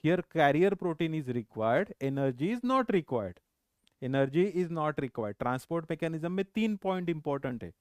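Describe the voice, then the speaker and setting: Man, lecturer, Hindi-mix, slightly high voice, slow unhurried delivery, repeats key points. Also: lively intonation, a little mellow, clean tone, dry recording, studio quality. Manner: asks and answers his own questions. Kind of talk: recorded medical lecture.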